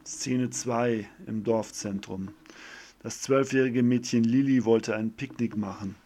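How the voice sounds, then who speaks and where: A man's voice: medium pitch, steady tone, measured pace, warm tone, a little hiss or hum. A man narrating a homemade village story as an amateur reader, with a plain delivery and small self-corrections.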